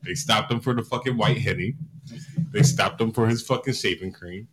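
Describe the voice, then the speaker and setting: A man telling a story in casual chat, animated, loud and profane. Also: fairly low pitch, normal speed. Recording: echoey room.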